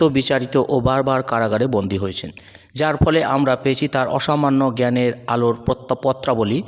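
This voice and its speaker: Solemn man reading a sermon. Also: medium pitch. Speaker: preacher. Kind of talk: scripted devotional sermon.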